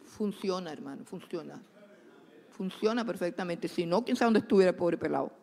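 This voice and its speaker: Woman preaching, loud then hushed, big echoey hall. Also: on the low side, expressive, fairly quick, creaky. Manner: passionate, shifting from loud exhortation to hushed asides. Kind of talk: sermon. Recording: long hall reverb.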